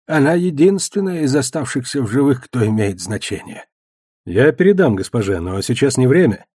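A man's voice: mid-range voice, big pitch swings, moderate pace, mellow, slightly rough, no echo, clean studio sound. Man reading a musing old wizard. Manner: wandering, thoughtful. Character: older male wizard, musing and wry.

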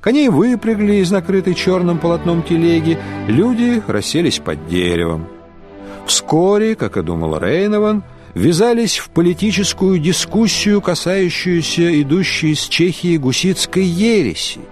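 A man narrating an audiobook with an expressive reading. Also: fairly high pitch.

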